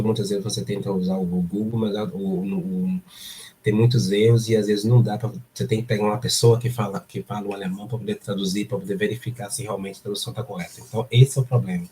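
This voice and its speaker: A man's voice: on the low side, warm tone, slight background noise. A man from Brazil with a Brazilian Portuguese accent, hosting a casual live stream and stressing points by repeating words. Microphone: streaming setup.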